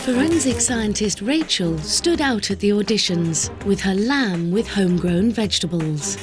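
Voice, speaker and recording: A woman reading a scripted voice-over for a cooking show in an even, informative way. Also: mid-range voice, normal speed, music in the background. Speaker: narrator.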